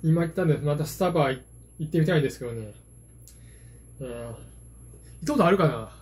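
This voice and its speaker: Husky, quick-talking self-deprecating man. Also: on the high side, expressive, a little mellow. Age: 40s. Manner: self-deprecating, hesitant asides. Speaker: vlogger, card game hobbyist. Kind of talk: casual rambling solo chat to camera. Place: small dim room at home, indoors. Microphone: phone propped at arm's length.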